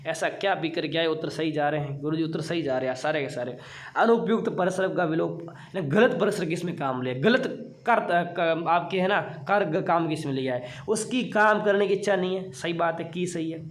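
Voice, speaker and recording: A man's voice: fairly high pitch, a little fast. A young man teaching an online exam-prep class in a playful, teasing way, asking questions and answering them himself.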